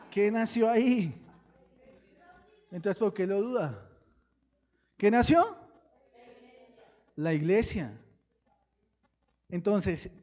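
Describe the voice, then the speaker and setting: A pastor preaching a sermon, firing questions at the congregation and breaking into sudden loud bursts. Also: male voice, sits high, lo-fi sound. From Colombia.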